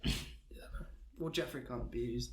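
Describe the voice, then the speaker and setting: A young man co-hosting a podcast, joking deadpan in a rambling, casual way with plenty of filler words. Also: medium pitch, moderate pace, slight background noise. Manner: rambling, deadpan jokes, frequent "um" and laughter. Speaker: podcast co-host. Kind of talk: casual comedic chat.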